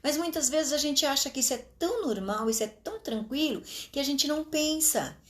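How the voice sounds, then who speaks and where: Animated Brazilian woman teaching teachers. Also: high-pitched. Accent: Brazilian Portuguese. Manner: animated, many tag questions like "tá?", stretches words slowly for emphasis. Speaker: teacher trainer. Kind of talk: informal teaching talk.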